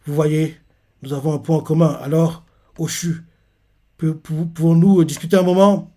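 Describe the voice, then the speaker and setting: Man voicing a polite young charmer, feigned shy, mellow tone. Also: on the high side, little pitch movement, normal speed. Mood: courteous.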